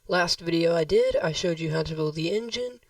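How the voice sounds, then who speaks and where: A man hosts a casual gameplay tutorial, rambling and correcting himself as he talks to viewers, calling them "guys." His somewhat high voice moves a little fast and sounds a bit worn, as if he's slightly losing it. The recording is dry and picked up from far away.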